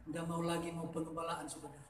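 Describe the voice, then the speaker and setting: Fervent high-voiced preacher, echoey hall. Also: male voice, flat delivery, fast talker, slight background noise. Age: middle-aged. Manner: swings between soft intimate asides and loud fervent climaxes. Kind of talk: sermon.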